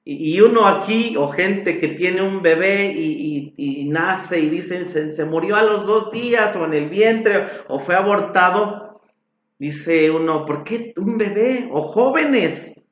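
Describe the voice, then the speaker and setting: A man preaching a sermon as a pastor, slow and emphatic, his voice rising on exclamations. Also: sits high, fairly bright tone, reverberant. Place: church hall.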